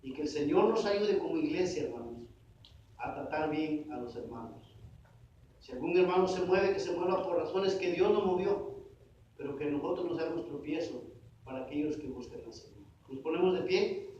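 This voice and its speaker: A man's voice: a little high, expressive, normal speed, darkish tone, a little hiss or hum. A man preaching a sermon as pastor, asking the congregation questions and calling them brothers. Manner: call-and-response questions to the congregation; addresses listeners as brothers. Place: church sanctuary. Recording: echoey distant dull church recording.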